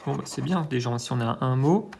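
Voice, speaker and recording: A man's voice: medium pitch, fairly quick, gravelly, a little mellow, a little hiss or hum. A man hosting his own channel, giving hesitant, think-aloud commentary while scratching lottery tickets, with self-mocking asides and lots of filler sounds. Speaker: scratch-card channel host.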